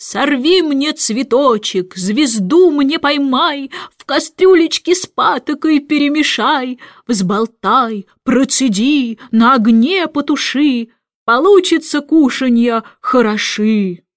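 A forgetful, boastful storybook king who hates his lessons draws out every word with slow pomp, as a woman reads him. The voice sits fairly high, and the dry close sound has almost no room echo. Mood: overjoyed, singsong. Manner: slow, drawn-out, pompous delivery.

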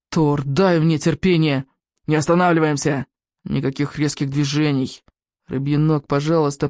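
A reader voicing a worried young Viking boy who tries to keep his voice hushed. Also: mid-range voice, no echo, studio quality, natural voice. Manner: urgent, hushed pleading.

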